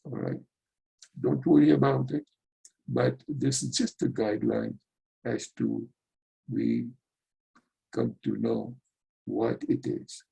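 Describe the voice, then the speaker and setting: A man's voice: mid-range voice, little pitch movement, slow, gravelly, pauses often, dark tone, breathy edge, rough recording. A man teaching yoga philosophy in an earnest spiritual talk, addressing listeners as dear friends.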